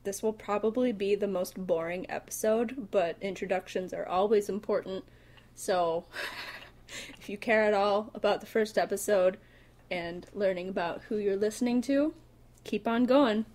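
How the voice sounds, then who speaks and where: A woman's voice: mid-range voice, normal speed. A woman co-hosting a casual chat, friendly and teasing as she moves the talk along. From Northwoods of Wisconsin or Minnesota. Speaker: podcast co-host.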